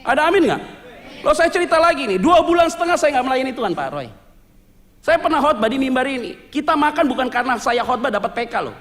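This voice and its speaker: Male pastor, high-pitched, animated storyteller, church reverb. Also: fast talker. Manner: lively storytelling with jokes, mixing Indonesian slang and English words. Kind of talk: sermon testimony. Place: church sanctuary.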